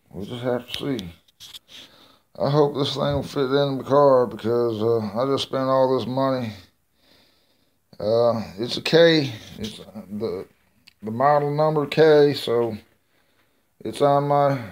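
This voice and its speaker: A man's voice: medium pitch, a little mellow. A middle-aged man, rambling and thinking aloud in a casual vlog while he works on an engine in his home garage, filming with a handheld phone. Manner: rambling, folksy, thinks aloud with many uhs. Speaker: home mechanic vlogger. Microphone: handheld phone camera.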